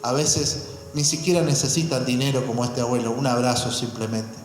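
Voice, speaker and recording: A man's voice: medium pitch, a little fast, a little hiss or hum. A man preaching a sermon as pastor, calling out amens and asking the congregation questions. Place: church hall. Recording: very echoey hall, faint music.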